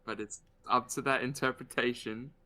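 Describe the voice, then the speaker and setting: A man's voice: mid-range voice, fairly even intonation, normal speed, sharp tone. An Australian man co-hosting a casual chat while drawing, with dry, jokey asides. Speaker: co-host.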